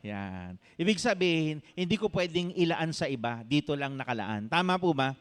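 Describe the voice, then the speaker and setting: A middle-aged male pastor preaching to a church congregation. His voice sits a little high and sounds smooth and clear. He switches between Tagalog and English as he goes and keeps asking the crowd to answer back. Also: sing-song, moderate pace. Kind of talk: sermon.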